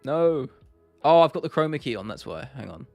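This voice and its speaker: This host's mid-range voice is gravelly and a little mellow, very animated and fairly quick, in a dry recording. On his casual livestream he chats with viewers in a laddish way, repeating phrases for emphasis, as faint music and keyboard clicking run underneath.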